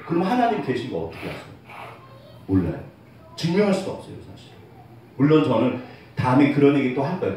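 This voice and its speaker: A man's voice: on the high side, a little mellow. A man preaching a sermon as pastor, candid and heartfelt, with light self-teasing humor toward his congregation. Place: church sanctuary. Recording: very echoey church hall, voice picked up from far off, faint hiss.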